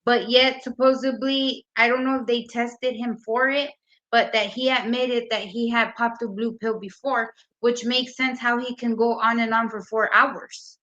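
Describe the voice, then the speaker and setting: Brief: woman on a low-sample-rate, muffled call line. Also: steady tone, a little slow, a bit bright. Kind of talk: casual panel discussion.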